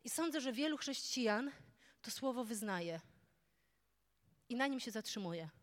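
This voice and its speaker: A woman preaching a sermon, moving from soft storytelling to loud, fervent declarations. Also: a little high, expressive, measured pace, big-room sound.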